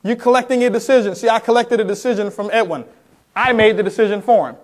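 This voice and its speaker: A man with a high-pitched voice talks fast as a sales trainer at a motivational seminar. He is emphatic and keeps putting questions straight to his audience, mixing his talk with role-played phone calls.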